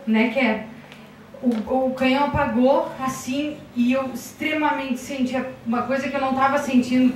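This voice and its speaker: A woman's voice: fairly high pitch, darkish tone, slight background noise. Emotional southern Brazilian woman testifying in echoey church. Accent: southern Brazilian Portuguese. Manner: emotional, conversational, quotes dialogue. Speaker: church member giving testimony. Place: church hall. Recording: very echoey room, mic far off.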